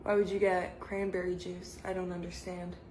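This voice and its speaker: A woman's voice: on the low side, flat delivery, moderate pace, darkish tone, echoey room, a little hiss or hum, natural voice, poor audio. A woman in a comedy sketch who sounds skeptical and exasperated.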